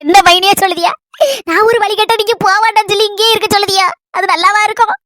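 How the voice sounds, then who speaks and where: A woman acting a village woman in a comedy skit, with a Kanyakumari Tamil accent, who pleads and scolds with animated energy. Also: extremely high pitch, fast, slight background noise. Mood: pleading. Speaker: skit actress.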